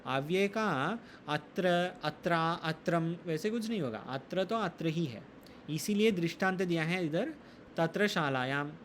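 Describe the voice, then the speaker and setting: A man teaching a Sanskrit grammar lesson, explaining rules slowly, reciting sutras and quizzing his students. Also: a little high, expressive, fairly bright tone, slight background noise. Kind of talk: classroom lesson in Hindi.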